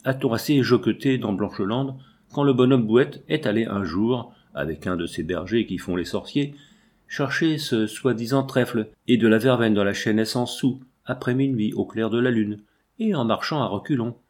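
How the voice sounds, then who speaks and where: A man's voice: medium pitch, normal speed, a little mellow, natural voice. A man voicing a brusque, sceptical old peasant washerwoman in a storybook reading, with a scolding, mocking manner. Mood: scoffing.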